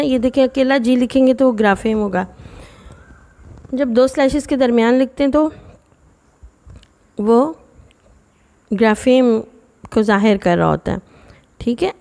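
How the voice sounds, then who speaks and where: Patient woman teaching phonics, gravelly. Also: a little high, dark tone. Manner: patient, explains slowly and sounds out words. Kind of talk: phonics lesson for children.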